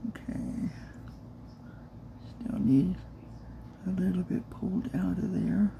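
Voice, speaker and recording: Slow, gravelly, soft-spoken woman. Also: a little hiss or hum. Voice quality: soft-spoken, talks low on purpose. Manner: mutters to herself while working with her hands. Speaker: crafter making silicone molds. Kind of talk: casual crafting vlog narration.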